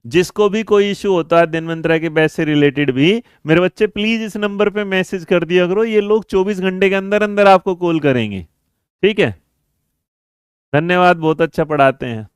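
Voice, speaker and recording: In a live online exam-prep class, a man with a high-pitched, clear, resonant voice quizzes students and coaxes them along, addressing them as "beta" and "mere bachche." His manner is brisk, and he reads and responds to chat messages mid-lesson. The audio is clean studio sound with no room sound.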